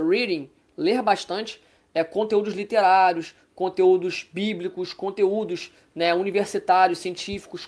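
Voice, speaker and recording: A woman's voice: mid-range voice, a little mellow. A woman with a Brazilian Portuguese accent giving a casual online language lesson, chatting along and often checking in with her listeners. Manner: chatty, ends phrases with "tá?" check-ins. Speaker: language teacher.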